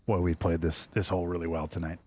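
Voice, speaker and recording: A man streaming a golf video game, chatting casually, answering viewer chat and getting excited over good shots. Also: deep voice, quick pace. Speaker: gaming streamer. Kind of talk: casual livestream game commentary.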